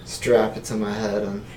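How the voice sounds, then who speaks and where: A man playing a tabletop game, stammering and repeating words as he banters. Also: fairly low pitch. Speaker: player. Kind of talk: tabletop role-play banter. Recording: roomy with faint noise.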